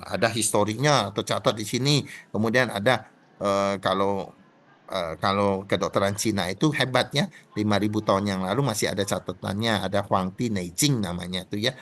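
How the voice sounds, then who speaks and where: A middle-aged man giving a classroom lecture, animated, often asking the class rhetorical questions and acting out little dialogues. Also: a little hiss or hum. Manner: acts out dialogue with pitch jumps.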